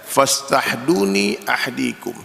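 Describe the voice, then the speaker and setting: A man preaching a sermon in lively storytelling fashion, often turning to address the men in his audience directly. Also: medium pitch, slow, vocal fry. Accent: Indonesian. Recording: long hall reverb.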